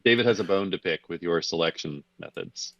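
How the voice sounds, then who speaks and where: A lower-voiced man makes short, dry, teasing asides in casual banter. His audio sounds dull and lo-fi. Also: brisk, fairly bright tone, slight background noise. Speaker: co-host.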